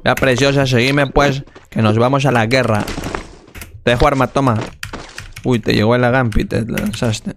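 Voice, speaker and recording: A young man, streaming a game and trolling teammates in slow, overly formal mock-gentleman talk. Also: medium pitch, steady tone, background noise. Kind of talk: trolling role-play over game voice chat. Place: home streaming room. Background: background music.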